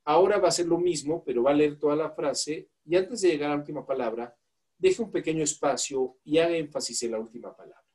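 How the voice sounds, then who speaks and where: A man's voice: on the high side, fast talker, a little mellow. A man with a Mexican accent teaching a law class, asking the students questions and coaxing volunteers to read aloud. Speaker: law course instructor. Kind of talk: classroom lecture.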